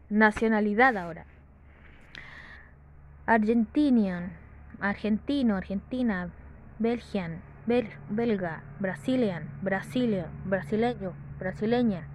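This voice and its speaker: A woman teaching English to Spanish speakers, slowly reading example sentences and translating each one, with small self-corrections. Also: mid-range voice, darkish tone, poor audio.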